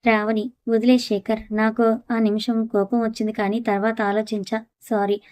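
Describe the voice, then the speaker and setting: Female narrator for an audio story, voicing every role herself in an even, level read. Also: fairly high pitch, normal speed, no room sound. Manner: reads dialogue and narration in one even voice.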